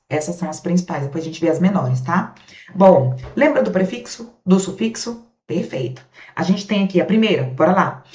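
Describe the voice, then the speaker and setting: A fairly low-pitched, slightly mellow woman's voice with a Brazilian Portuguese accent delivers a grammar lecture. She questions and answers herself while making relaxed check-ins with students, and the recording comes across as roomy and dull lo-fi.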